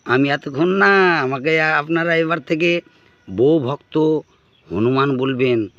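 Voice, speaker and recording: A man telling a humorous story straight to his audience in an animated way, often urging them to listen. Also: on the high side, takes it slowly, no echo, muffled recording. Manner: animated, addresses listeners directly with appeals to listen. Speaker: comic storyteller. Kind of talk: humorous first-person monologue to an audience.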